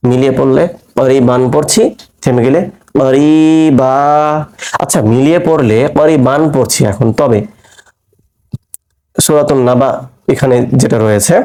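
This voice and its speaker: A man gives a tajweed lesson on Quran recitation rules, explaining step by step, asking and answering his own questions, and drawing out verse words in sung recitation. His voice is medium-pitched and mellow.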